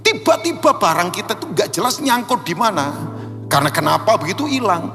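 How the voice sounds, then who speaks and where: A man preaching a sermon, animated, acting out dialogue and shouting for emphasis. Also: high voice, fairly quick, soft background music. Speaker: pastor. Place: large church hall. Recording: long church hall reverb.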